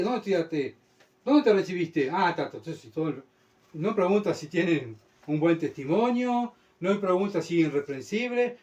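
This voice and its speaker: A man preaching a sermon as pastor, with a Uruguayan Spanish accent, talking emphatically and checking often that his congregation follows him. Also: a little mellow. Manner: emphatic, keeps asking the congregation "¿Se entiende?"; mocks complainers in a whiny high voice.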